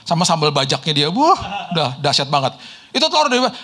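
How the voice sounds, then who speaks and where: A middle-aged man, preaching a sermon told through lively personal stories and chuckles. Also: fairly high pitch, fairly quick. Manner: lively storyteller, mimics people in quotes, laughs often. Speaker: pastor.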